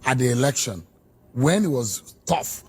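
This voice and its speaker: A man's voice: mid-range voice, animated, measured pace, husky. A man hosting a political interview, pressing his guest with probing, challenging questions.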